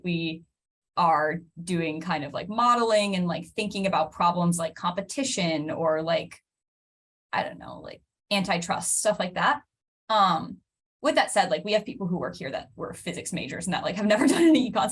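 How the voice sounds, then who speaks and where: A woman in her twenties speaking casually as an alumna panelist on a video call, chatty and full of likes. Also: on the low side. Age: 20s.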